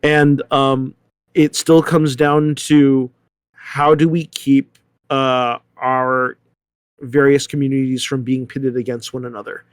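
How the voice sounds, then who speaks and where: A man taking part in a panel discussion thinks aloud in a halting way, repeating words and checking for agreement with "right?". His mid-range voice has little pitch movement and a clear, resonant tone, with no room sound.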